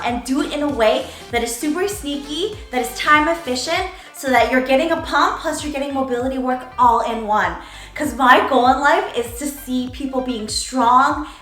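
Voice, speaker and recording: A woman's voice: high-pitched, sharp tone. A woman coaching a workout in a casual demonstration, playfully talking in hyped gym-bro slang. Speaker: fitness coach and presenter. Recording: very echoey room, background music. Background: music.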